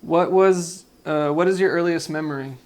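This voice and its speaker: A grandchild interviews their grandfather about his life. They speak at an ordinary middle pitch. Their questions often come out hesitantly, with frequent pauses and "um"s. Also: fairly even intonation.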